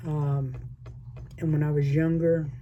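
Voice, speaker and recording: In a muffled recording with slight background noise, a retired, older resin crafting channel host chats loosely with viewers during a resin project, addressing them as y'all. She has a mixed Southern American accent and a mid-range voice that barely shifts in pitch and moves slowly, and the vlog talk wanders.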